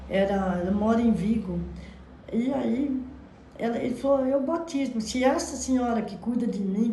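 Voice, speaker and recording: A woman's voice: medium pitch, warm tone. A Brazilian woman in her thirties with a Brazilian Portuguese accent, giving a fervent religious testimony into a phone. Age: 30s. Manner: fervent, frequent praise exclamations. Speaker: church member giving testimony. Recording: echoey room, faint background noise.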